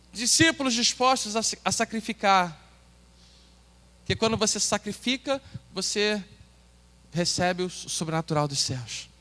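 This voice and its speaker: A Brazilian pastor with a Brazilian Portuguese accent preaches an earnest sermon, putting questions to the congregation. His male voice is high-pitched and bright with a forceful tone. He's in a church hall, and the recording carries a long hall reverb.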